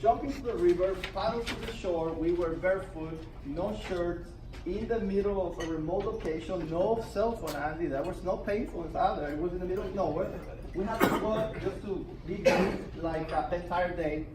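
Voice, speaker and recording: A man from El Salvador telling a lively personal story as a presenter at a business networking meeting, laughing often and restarting his sentences. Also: high voice, normal speed. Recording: echoey room, mic from far off, noisy.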